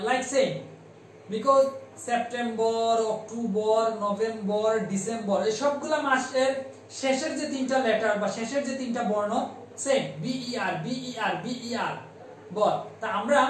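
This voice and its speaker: A woman teacher from Bangladesh with a Bangladeshi English accent, giving a classroom pronunciation lesson and slowly repeating and spelling out words for drilling. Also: on the high side. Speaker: primary school teacher. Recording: very echoey room, distant mic, faint noise.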